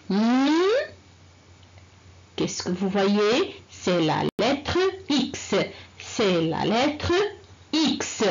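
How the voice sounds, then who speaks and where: Slow, lively-voiced woman teacher. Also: high voice, lo-fi sound, a little hiss or hum. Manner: slow, drawn-out, repeating syllables for children to echo. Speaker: primary school teacher. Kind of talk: reading lesson for young children.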